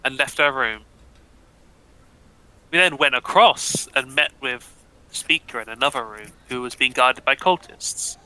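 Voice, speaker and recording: A man recapping a tabletop game session as a player, with deadpan, profane jokes. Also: mid-range voice, a little slow, pauses often, clear, resonant tone, rough recording.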